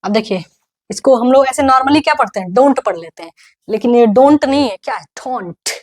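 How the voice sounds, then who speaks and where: Indian woman, young, grammar teacher, slightly high voice, slow drilled words. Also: expressive. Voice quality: slow, drawn-out pronunciation drills. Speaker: English teacher. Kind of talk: online grammar class.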